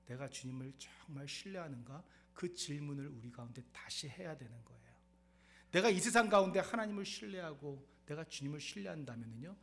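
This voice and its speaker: A male pastor preaching a sermon in church, animated, firing off rhetorical questions and swinging between soft and loud. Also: medium pitch, slight background noise. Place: church sanctuary.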